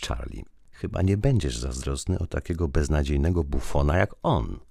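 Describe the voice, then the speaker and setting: A man's voice: very deep voice, expressive, moderate pace, creaky, a little mellow, no room sound, clean studio sound, full character voice. A man voicing a coy young woman who answers her fiancé with sly, tart teasing.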